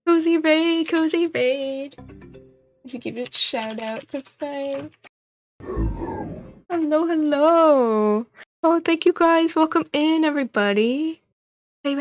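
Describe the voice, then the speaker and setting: A woman with a high voice streams in a cute, bubbly anime-streamer manner. She chats casually and effusively with her viewers, encouraging them. The sound is close and dry. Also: no echo. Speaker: VTuber art streamer. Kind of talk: casual livestream chat with viewers.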